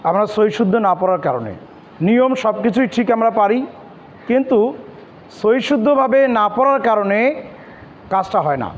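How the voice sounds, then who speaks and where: A man with a Bangladeshi Bengali accent teaching Quran pronunciation step by step, spelling out letters and vowel marks slowly and repeating each syllable. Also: high voice, animated, big-room sound, dull audio.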